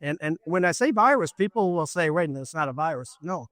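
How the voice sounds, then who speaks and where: A man's voice: on the high side, lively intonation, fast talker, fairly bright tone, dry recording. A man running for office, talking in an interview in an emphatic, lecturing way, repeating his points. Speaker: political candidate. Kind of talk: campaign interview.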